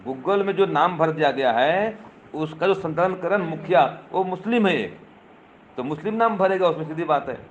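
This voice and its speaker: A man's voice: a little high, expressive, moderate pace, a little hiss or hum. An older man delivering a teaching sermon to a live audience. He keeps asking rhetorical questions and speaks to listeners directly. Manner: addresses listeners directly, teasing. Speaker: swami. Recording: dull lo-fi recording with faint ambience.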